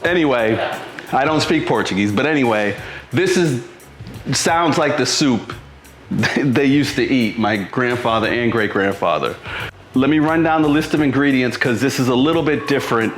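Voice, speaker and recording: Casual cooking demonstration from a middle-aged American host from Boston, speaking at a moderate pace in a mid-range voice. He's indoors in his home kitchen, talking loosely and thinking aloud, with echo and background music.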